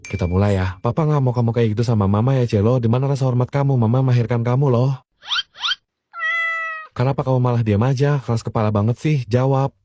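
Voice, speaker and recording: A man playing a doting, scheming father in a comedy skit, talking fast and mock-stern. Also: medium pitch, steady tone, background noise, close to an everyday voice.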